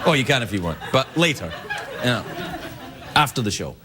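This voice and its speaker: Brisk and very animated, a mid-range Scottish voice belongs to a middle-aged late-night host doing a self-deprecating, wry monologue. Loud crowd noise from the studio audience sits under everything he says.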